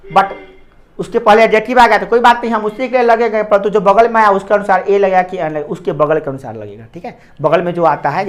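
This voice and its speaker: A man's voice: sits high, a bit bright. A man teaching a grammar lesson to a class. He repeats each point and keeps asking whether the students have understood.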